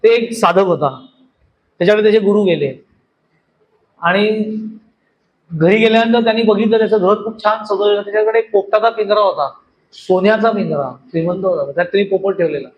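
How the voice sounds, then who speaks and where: A man giving a devotional discourse, explaining slowly and telling parables. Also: high-pitched, dull audio, slight background noise. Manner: explains slowly, tells stories, chants verses drawn out. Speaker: spiritual teacher.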